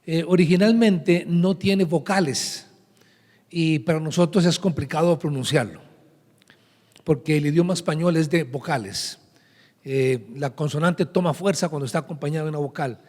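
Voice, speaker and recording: A man's voice: a little high, normal speed, darkish tone. A man preaching as pastor, teaching and reading scripture aloud to a congregation, recorded live in a large church hall. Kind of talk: sermon.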